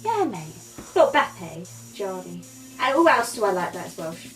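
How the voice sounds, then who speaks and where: A young woman, a comedy vlogger, performs a comic monologue as a slangy, swaggering tough kid, breaking into sing-song chants. Her mid-range voice is very animated and a little slow, with music in the background. She's recorded in a small bedroom by a camera a few metres away, so the mic is distant.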